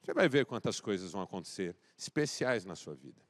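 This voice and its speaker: A male pastor from Brazil preaching a sermon, swinging between loud exhortation and quiet, intimate address, acting out dialogue as he tells a story. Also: lowish voice, big pitch swings, fairly quick.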